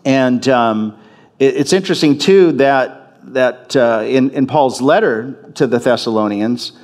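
A man's voice: medium pitch, unhurried, darkish tone. A man preaching a sermon as a pastor in a church, talking conversationally, often restarting and repeating phrases for emphasis.

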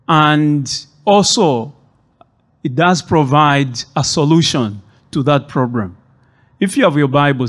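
Man, from zambia, middle-aged, church sermon, slow, halting, lots of fillers. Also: on the high side. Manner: measured, hesitant with many fillers. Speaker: guest preacher.

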